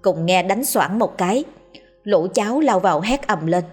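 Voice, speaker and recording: A woman narrating a story in a measured, expressive reading. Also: mid-range voice, slightly rough, faint music behind. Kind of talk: scripted narration of a ghost story.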